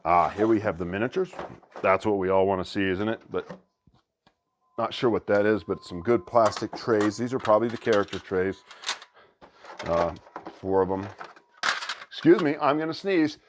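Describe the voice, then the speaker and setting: A man hosting a board game channel, chatting excitedly as he unboxes a new game and thinks aloud. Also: on the low side, moderate pace, pauses often, background noise. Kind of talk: casual unboxing commentary.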